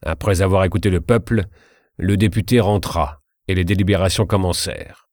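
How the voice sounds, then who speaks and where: A man narrating a historical story in a measured, steady reading. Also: sits low, no echo, clean studio sound.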